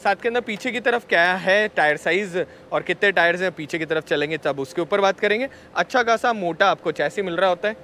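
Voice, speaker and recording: This vehicle reviewer speaks in a high, sharp voice, fairly quickly and with hardly any pauses. Recorded outdoors at an expo with a little hiss or hum, he chats through a walkaround and treats his viewers like friends.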